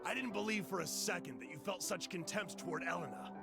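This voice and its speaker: A man voicing a boisterous, proud young brawler in a video game, reading the lines loudly with shouting bursts. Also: sits high, lively intonation, fast, creaky, soft background music, pitched above the performer's own voice, heavily acted. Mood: stern. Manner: loud, boastful, shouting bursts. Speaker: streamer voicing a game character. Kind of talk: dramatic reading of game dialogue.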